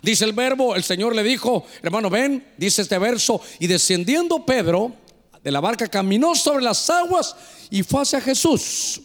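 A man preaching with fervor, his voice pitched high and ringing out. The sound carries a long reverb from a church sanctuary. He keeps turning to the congregation as he speaks. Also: lively intonation, normal speed. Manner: impassioned preaching, calls listeners "hermano". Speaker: pastor. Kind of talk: sermon. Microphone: handheld microphone.

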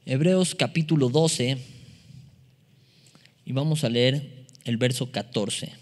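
Pastor preaching in a reverberant hall. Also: male voice, mid-range voice, slow. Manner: animated, acts out dialogue in shifting voices. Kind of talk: sermon.

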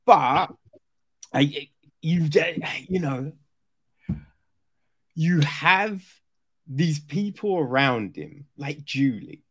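Guy interviewing, chatty but slow n halting, keeps checking u agree, voice a bit high. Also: sing-song, a bit bright, husky. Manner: halting, seeks agreement with repeated "right?". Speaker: interviewer giving film feedback. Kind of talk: casual conversation, film discussion.

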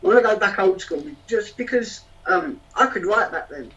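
A man with a high-pitched voice performs spoken-word poetry in a rhythmic, rhyming flow. Between pieces he chats hesitantly, full of ums. He sounds distant from the mic, on a dull, lo-fi recording. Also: lively intonation, moderate pace, pushed and bright.

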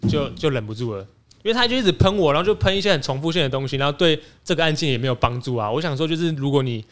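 A young man, telling a workplace story in casual podcast chat with animated restarts. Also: fairly high pitch, very fast. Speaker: podcast co-host.

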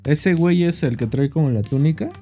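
A man's voice: fairly high pitch, fairly quick, dark tone, breathy edge, faint music behind. A man with a Mexican accent co-hosting a podcast, speaking in laid-back, slang-filled casual chat. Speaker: podcast co-host.

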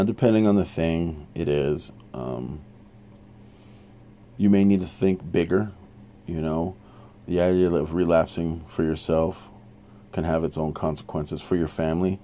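Very deep, mellow-voiced man teaching. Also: a little hiss or hum. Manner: conversational, with frequent "um" and restarts; earnest, practical advice-giving. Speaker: recovery podcast host. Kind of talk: informal teaching monologue.

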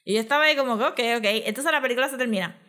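Bright-voiced chatty woman. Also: high-pitched, rapid-fire. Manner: chatty, mixes in English words, frequent fillers and laughs. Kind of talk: casual chat, film recap.

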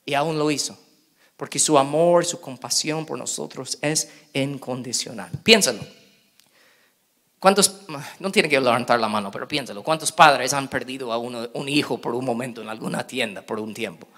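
A middle-aged man preaching a sermon in an animated way, acting out quoted voices with big jumps in pitch. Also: moderate pace. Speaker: pastor.

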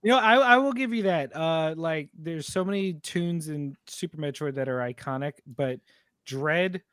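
A man's voice: a little high, moderate pace, fairly bright tone, clear, resonant tone, no echo, studio quality. A young man on a casual podcast, chatting eagerly and asking his co-hosts questions. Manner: enthusiastic, asks questions. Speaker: podcast co-host. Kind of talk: casual chat.

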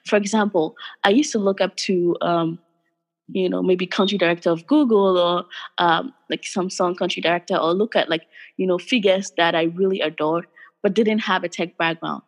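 A woman's voice: fairly low pitch, fairly even intonation, moderate pace, in a large hall. A woman who grew up in Ghana, a guest in an interview, speaking thoughtfully and earnestly with frequent fillers. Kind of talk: interview conversation.

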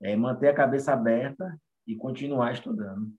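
A man chatting casually as a co-host, speaking hesitantly with many pauses and restarts. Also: mid-range voice, a little mellow, highs cut off. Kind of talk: casual chat.

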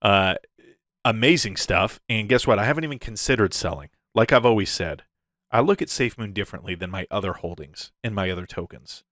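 A man's voice: fairly low pitch, animated, fairly quick, fairly bright tone, dry recording, clean studio sound. A man hosting a casual crypto update in the gushing, hyped-up manner of a crypto bro, often chuckling as he talks. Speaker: crypto video host.

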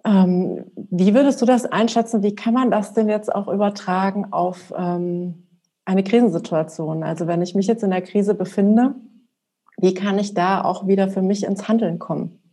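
A woman hosts a podcast interview, asking gentle questions and adding short affirming sounds. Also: medium pitch, fairly even intonation, moderate pace. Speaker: podcast host.

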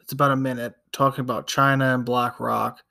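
Male podcast host, medium pitch, casual and rambling, feeling his way through sentences. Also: level tone, fairly quick, vocal fry, pushed and bright. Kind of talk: casual talk, introducing clips.

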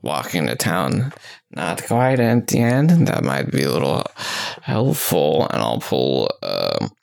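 A man playing a tabletop game, speaking slowly and gravelly with wide pitch swings. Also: wildly swooping pitch, darkish tone, no echo, studio quality. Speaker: player.

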